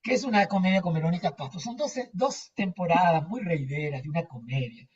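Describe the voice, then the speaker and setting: A man chats casually on a video call and wanders through his story while he gropes for names. His voice is husky and breathy. It comes across distant and dull, like muffled lo-fi call audio. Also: a little high, a little fast. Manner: rambling, searches for words, anecdotal. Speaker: lecturer. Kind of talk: casual chat with a group.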